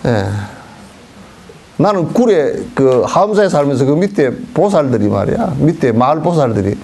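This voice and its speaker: A man's voice: on the high side, animated, moderate pace, mellow. A middle-aged man, a Buddhist monk, giving a casual sermon and telling folksy stories, sometimes acting out voices. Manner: folksy storytelling, acting out beggars' songs and dialect.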